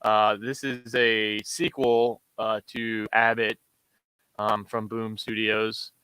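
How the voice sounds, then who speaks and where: A man's voice: fairly low pitch, slow pace, clean tone, dry recording, rough recording. A man co-hosting a comic book show, talking casually with lots of fillers while he shows covers. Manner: relaxed, many fillers while showing covers. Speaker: co-host of a comic order show. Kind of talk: casual chat.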